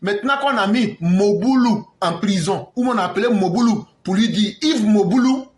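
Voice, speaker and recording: High-voiced Ivorian man telling a story. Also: moderate pace, reverberant. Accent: Ivorian French. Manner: retells dialogues, mixes in street slang. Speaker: political commentator. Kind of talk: animated storytelling commentary.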